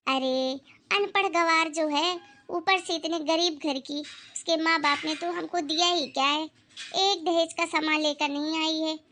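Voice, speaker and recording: In a cartoon, a proud rich mother-in-law looks down on a poor daughter-in-law in a bright, high voice that drops lower and slower for her sneers, as a woman puts her on. She is haughty and contemptuous. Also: steady tone, a little hiss or hum, exaggerated voice. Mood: scornful. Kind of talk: cartoon voice acting.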